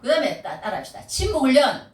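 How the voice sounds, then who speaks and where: A middle-aged woman preaching a sermon, animated and repeating key phrases, often calling out hallelujah. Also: high voice, fast talker, slight background noise. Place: church sanctuary. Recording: echoey room, voice from far off mic. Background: congregation responding.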